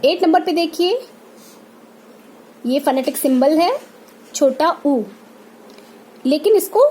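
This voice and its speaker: A woman teacher giving a classroom pronunciation lesson, saying example words one at a time and repeating them deliberately. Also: sits high, darkish tone, a little hiss or hum.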